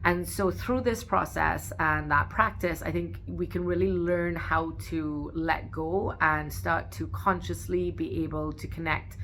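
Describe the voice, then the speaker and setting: A woman who works as an osteopathic manual practitioner, giving a calm, gentle educational talk with a few fillers. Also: sits low, measured pace, hardly any pauses, slight background noise. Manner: calm, gentle explanatory delivery with occasional fillers.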